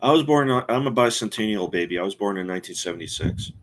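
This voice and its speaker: A man in his forties chatting casually on a live stream, rambling and halting with many fillers and restarts. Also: lowish voice, lively intonation. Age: 40s. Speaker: streamer host.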